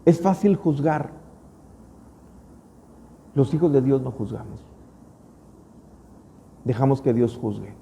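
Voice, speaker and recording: Mexican pastor preaching in a reverberant hall. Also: male voice, medium pitch, lively intonation, slow pace, creaky, long pauses, warm tone, a little hiss or hum. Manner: storytelling preacher, rising to emphatic peaks. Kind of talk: sermon. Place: church. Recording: long church-hall reverb.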